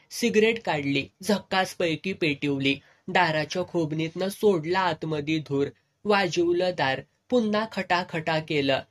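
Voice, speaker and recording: A storyteller reading a serialized village novel aloud with vivid, earthy narration. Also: medium pitch.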